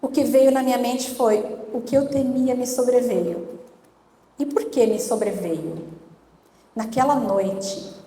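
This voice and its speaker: Woman, middle-aged, preaching her testimony, kinda high voice, big echoey church hall. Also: slow pace, warm tone. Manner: earnest, storytelling, acts out dialogue. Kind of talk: emotional testimony sermon.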